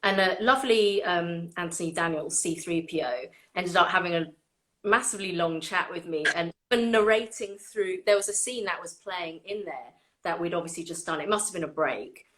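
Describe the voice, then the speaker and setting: A woman hosting a casual chat, animated and laughing often as she tells stories. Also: on the low side, brisk. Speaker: orchestra violinist and host.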